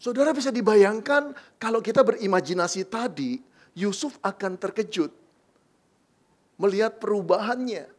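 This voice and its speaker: A man's voice: high-pitched, expressive, moderate pace, long pauses. A man preaching a sermon as pastor, telling the story dramatically and asking the congregation questions. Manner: dramatic storytelling, acting out dialogue.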